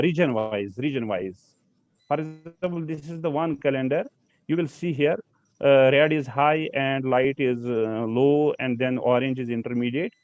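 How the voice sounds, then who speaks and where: Halting man lecturing over a video call. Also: medium pitch, a little mellow, dry recording. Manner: halting, many fillers and restarts. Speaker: lecturer on pollen allergy. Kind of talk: online slide lecture. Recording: slightly dull video call audio.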